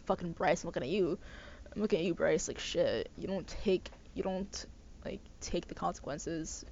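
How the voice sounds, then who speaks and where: Ranting young woman, lo-fi recording. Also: on the low side. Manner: swearing, rambling with restarts and stumbles. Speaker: podcast host. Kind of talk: casual rant. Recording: slightly dull lo-fi sound with faint noise.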